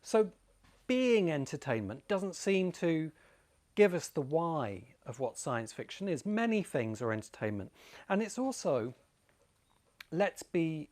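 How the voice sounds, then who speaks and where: A man with a fairly high, slightly mellow voice hosts a video essay, talking informally to camera. He wanders through ideas, offers his opinions, and speaks directly to the listener from his home among rice fields in Bali.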